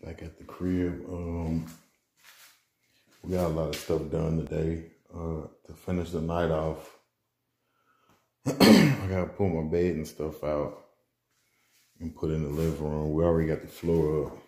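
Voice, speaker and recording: A young man with a very deep, dark voice chats slowly and loosely to his camera in his apartment. He rambles with slang and restarts, slightly out of breath from hauling furniture. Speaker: vlogger. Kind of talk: casual vlog chat. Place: apartment bedroom, indoors.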